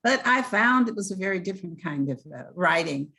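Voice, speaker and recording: A woman's voice: fairly low pitch, lively intonation, brisk, pushed and bright. An older woman, a retired diplomat turned author, speaking on a panel in a rambling, self-correcting way. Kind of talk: panel discussion.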